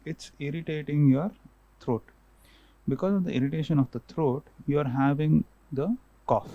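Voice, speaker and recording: A man's voice: fairly high pitch, moderate pace, warm tone, no echo, highs cut off. A man, an ENT doctor, patiently explaining causes and tests to a patient, often restarting and repeating himself.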